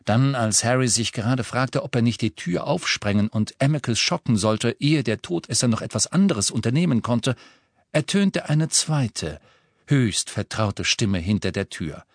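A man narrating a fantasy audiobook with measured, dramatic storytelling. His voice sits at an ordinary male pitch. The recording is dry and close, with no room sound. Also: animated, no room sound. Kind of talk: scripted narration.

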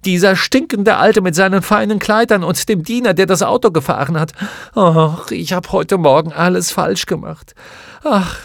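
A young girl in a storybook cries out through her sobs, her voice pushed high and loud above the reader's own, as a man acts her out. The sound is dry and close, with no room around it. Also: moderate pace, creaky, no room sound. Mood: sobbing fury. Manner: high, loud, crying outbursts. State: sobbing. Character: distraught young girl, furious and sobbing.

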